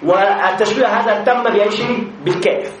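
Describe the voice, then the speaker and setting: A man teaching a grammar lesson to a class, repeating examples slowly with many drawn-out fillers and checking that students follow. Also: high voice, a bit bright. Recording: echoey room with faint noise.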